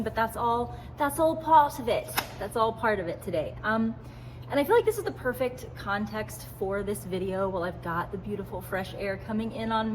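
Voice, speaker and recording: A woman vlogger talking in a casual, enthusiastic, conversational way, filming in a warehouse by an open window. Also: mid-range voice. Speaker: vlogger and small business owner. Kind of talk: casual chatty vlog. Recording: noticeable background ambient noise in warehouse.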